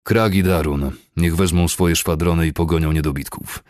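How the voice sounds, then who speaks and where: Performed by a man, a brutal cavalry colonel with a deep, gravelly rasp that turns into a roar. His speech is curt and commanding, with each order barked dry and close. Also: moderate pace, no echo. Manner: barking curt orders, erupting into roars. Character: furious, cold, violent male cavalry colonel.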